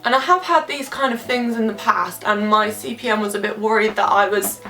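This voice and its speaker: Doing her makeup, a roughly twenty-year-old woman talks openly to camera in a casual vlog, slightly congested with a cold and full of fillers. The camera sits at a distance, giving a low-quality recording of her fairly high, fairly bright voice.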